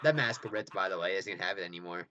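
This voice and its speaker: A man's voice: deep voice, very fast. A man talking through his own film as director, in a rambling, self-correcting way with chuckling asides. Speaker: film director giving commentary. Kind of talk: casual director's commentary. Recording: dull lo-fi recording with faint hiss.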